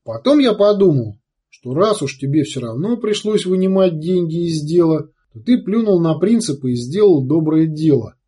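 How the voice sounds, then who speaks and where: A man voicing a calm, wry male commissar who speaks in a measured way in an audiobook. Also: a little high, breathy edge, pitched above the performer's own voice. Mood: wry relaxed.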